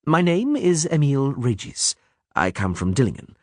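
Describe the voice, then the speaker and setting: A man voicing a polite, grey-haired male vampire posing as a middle-aged barber surgeon, speaking in a measured, formal way. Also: mid-range voice, very animated, darkish tone, no echo, studio quality, pitched above the performer's own voice, lightly acted. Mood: courteous.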